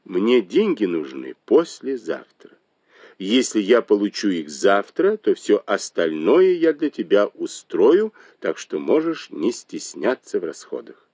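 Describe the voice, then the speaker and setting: A shrewd noblewoman with a sharp, mocking tongue, as a male reader puts her on. The voice sits higher than his own and swings widely in pitch. The recording is close and dry, with no room sound. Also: wildly swooping pitch, a little slow, no room sound, exaggerated voice. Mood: earnest. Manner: mocking, reproachful.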